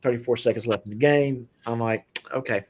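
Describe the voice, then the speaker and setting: Rambling husky-voiced man hosting a chat. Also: medium pitch, a little fast. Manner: rambling, many fillers, laughs easily. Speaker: podcast host. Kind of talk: casual chat.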